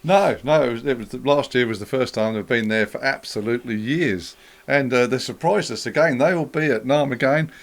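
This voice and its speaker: A man's voice: mid-range voice, brisk, few pauses. A man co-hosting a casual gear chat, explaining things steadily, with many ums. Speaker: co-host.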